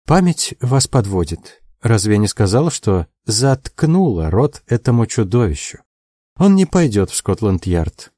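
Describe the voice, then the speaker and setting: A male audiobook reader voicing a composed, motherly older woman who speaks in a firm, measured and evasive way. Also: lowish voice, sing-song, warm tone, dry recording, clean studio sound. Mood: soothing. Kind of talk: audiobook character voice.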